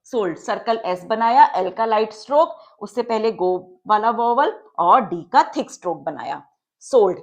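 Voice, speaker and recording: A woman's voice: mid-range voice, expressive, moderate pace. A woman teacher giving a patient, step-by-step lesson, checking that her students follow along.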